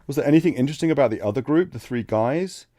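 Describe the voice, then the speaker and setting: A man streaming a text adventure, reading the game text aloud and thinking out loud between passages. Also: medium pitch, animated, fast, no echo, clean studio sound. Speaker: let's play streamer.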